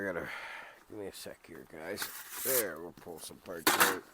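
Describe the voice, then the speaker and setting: Out in the woods, an outdoor vlogger with a low, congested voice from a cold chats casually to camera while setting up camp gear. He rambles and thinks aloud in an easygoing way, and the recording is very noisy.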